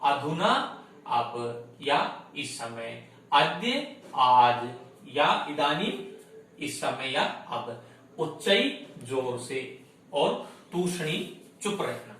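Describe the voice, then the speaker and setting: A man's voice: mid-range voice, lively intonation, extremely slow, long pauses, a bit bright. A male teacher explaining an online lesson step by step, asking questions and answering them himself. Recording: echoey room, distant mic, faint noise.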